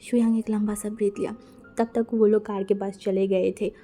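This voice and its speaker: Brief: woman storyteller, chatty and lively, very dark mellow tone, faint music under. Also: medium pitch, normal speed. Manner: chatty, mixes English words into Hindi, lively voices for characters. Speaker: fan fiction narrator. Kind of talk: casual storytelling narration.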